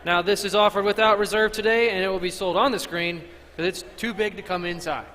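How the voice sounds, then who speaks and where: A man's voice: sits high, fairly even intonation, brisk, pushed and bright, a little hiss or hum. A man announcing auction lots, reading out scripted descriptions of each item. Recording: echoey auction hall.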